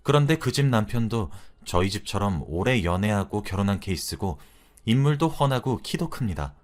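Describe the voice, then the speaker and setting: A man's voice: fairly low pitch, animated, moderate pace. A man narrating a wife's real-life story in a chatty, confiding storyteller's manner. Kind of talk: scripted narration of a listener's story.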